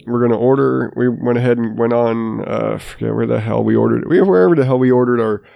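The recording is muffled though echo-free as a man in his thirties, congested with a sinus infection, rambles through a self-deprecating solo podcast with many restarts. His medium-pitched voice has vocal fry and moves a little fast.

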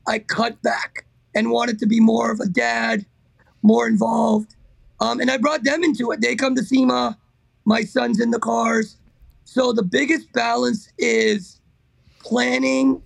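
A middle-aged man with a hoarse, raspy, strained voice, talking casually and emphatically as an interview guest. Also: very high-pitched, no room sound, rough recording. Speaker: interview guest, car builder.

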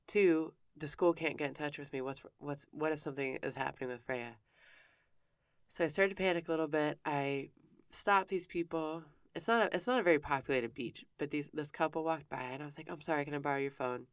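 A woman's voice: low-pitched, brisk, no room sound, clean studio sound. A woman telling a personal story in a frank, conversational way, often stopping and restarting her sentences. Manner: candid, frank with casual swearing; self-interrupting with frequent restarts.

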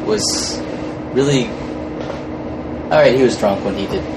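This man, a fan film crew member guesting on a podcast, takes it slowly in a medium-pitched voice. His casual talk is hesitant, full of repeated words and half-finished phrases. A steady background hum runs through the noisy room.

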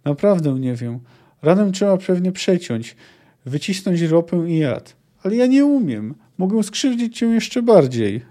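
A man reading a desperate teenage girl sorceress, bitter and feeling betrayed, with pleading lines that rise to shrill cries. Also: sing-song, a little slow, dark tone, breathy edge, full character voice. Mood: distressed.

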